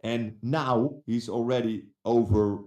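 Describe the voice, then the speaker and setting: Hesitant Dutch man with a mellow voice. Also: mid-range voice, fairly even intonation, slow pace, echoey room. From Netherlands. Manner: hesitant, many restarts and fillers. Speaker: guest. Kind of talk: casual chat.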